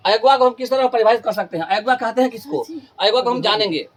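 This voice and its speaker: In a classroom lesson, a man teaches Hindi grammar to students, repeating each question and answer as a drill and slowly stretching key terms for emphasis. His voice is very high, with slight background noise.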